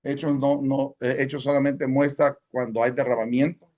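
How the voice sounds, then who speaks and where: A man's voice: medium pitch, flat delivery, normal speed, darkish tone. A man from El Salvador teaching a Sunday school class at church, speaking conversationally and often checking in with his listeners. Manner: mixes in English words.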